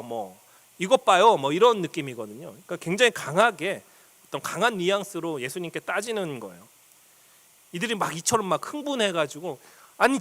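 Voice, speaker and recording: A male pastor delivers a sermon, teaching his congregation through a passage verse by verse. His voice sits a little high and swings widely in pitch. He hesitates often on small fillers while he talks things through. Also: a bit bright. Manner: reads scripture aloud and acts out quoted speech.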